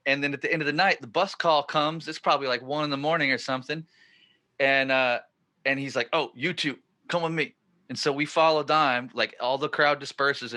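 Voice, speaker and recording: Male podcast host, 40s, bright, energetic, rambling storyteller. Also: medium pitch. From northern California. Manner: excited, rambling storyteller who gets louder at the punchlines. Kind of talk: casual storytelling chat.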